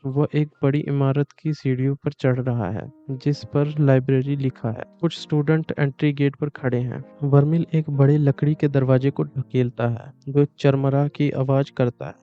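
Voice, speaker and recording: Smooth, flat-voiced male story narrator. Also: mid-range voice, moderate pace, few pauses. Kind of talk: comic story recap narration. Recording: dull lo-fi with music behind.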